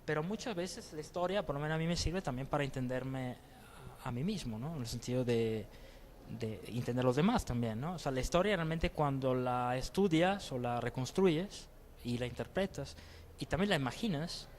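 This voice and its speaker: A man from Italy with an Italian accent, speaking Spanish as a guest in a casual interview, reflective and hesitant with frequent pauses. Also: medium pitch, darkish tone, a little hiss or hum.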